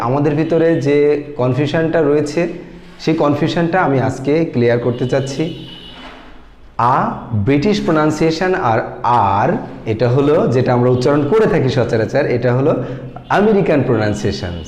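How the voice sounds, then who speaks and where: A man's voice: medium pitch, darkish tone, a little hiss or hum. A man giving an English pronunciation lesson, slipping English words and phrases into his teaching. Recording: echoey room.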